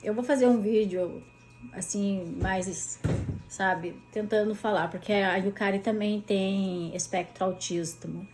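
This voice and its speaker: A woman, a mother telling a personal story in a chatty, animated vlog, full of tag questions. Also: mid-range voice, slow pace, soft background music.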